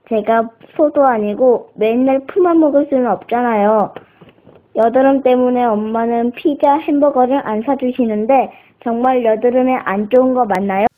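A woman doing a voice-changed acne-fretting schoolkid. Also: a little high. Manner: whiny, pleading complaints. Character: third-grade child fretting about acne. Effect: voice changer disguise. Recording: tinny phone-like sound.

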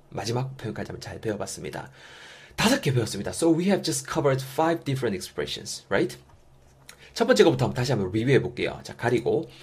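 A man teaching English phrases in an energetic spoken lesson, repeating example lines for learners to copy. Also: medium pitch, slightly rough.

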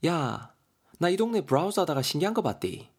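A man's voice: fairly high pitch, very animated, brisk, slightly rough, voice pushed up, heavily acted. A man voicing a chatty, teasing young woman friend in dialect. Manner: teasing, exclaiming.

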